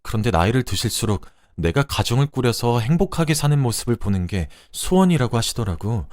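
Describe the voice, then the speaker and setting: A man's voice: mid-range voice, big pitch swings, fairly quick, darkish tone, dry recording, studio quality, lightly acted. A man voicing a guilt-ridden husband who pleads and stammers through tears. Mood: confessing. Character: desperate, guilt-ridden husband begging forgiveness.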